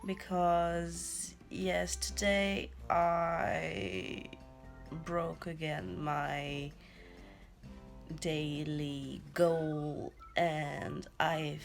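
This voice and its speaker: A young woman speaks very slowly, in a relaxed, casual reading-vlog way. Her voice has a gravelly, creaky edge, and she often pauses to think aloud. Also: on the low side. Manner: slow, unhurried, thinking aloud. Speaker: book vlogger. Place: in her bed at home.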